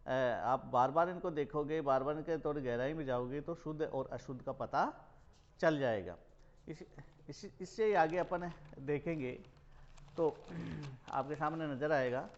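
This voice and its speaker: A male college teacher from Rajasthan, India, giving a recorded grammar lesson and repeating words slowly for emphasis. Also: on the high side. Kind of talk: recorded Hindi grammar lecture. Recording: dull lo-fi recording.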